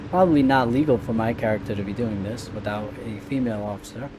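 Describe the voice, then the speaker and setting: A man's voice: on the low side, fast, background noise. A man giving casual let's-play commentary as the host of a gaming video, with game ambience behind him.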